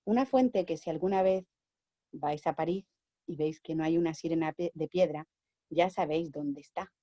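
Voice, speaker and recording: A woman with a Spanish accent from Spain, an oral storyteller and educator, telling a children's story in an animated way that moves between bright and hushed. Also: low voice, normal speed, no echo, clean studio sound.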